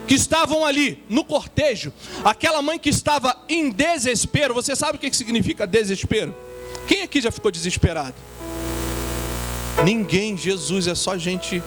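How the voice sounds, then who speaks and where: A man delivers a sermon in a strikingly high voice, throwing questions out to the congregation with dramatic flair. Music plays clearly beneath him. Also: expressive, moderate pace, a bit bright. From Brazil. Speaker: guest preacher. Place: church.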